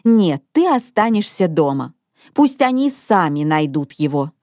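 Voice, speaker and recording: A woman's voice: on the low side, very animated, unhurried, warm tone, no room sound, studio quality. A woman voicing a strict mother who gives firm orders to her children in a storybook reading. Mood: stern. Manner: strict, commanding. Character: stern mother of many hungry children.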